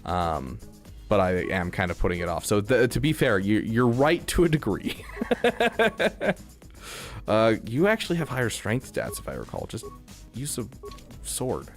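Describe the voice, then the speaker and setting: A man's voice: fairly low pitch, wildly swooping pitch, unhurried, long pauses, soft background music. A man streaming a video game, chatting casually and rambling with lots of fillers. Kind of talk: casual gaming stream chat.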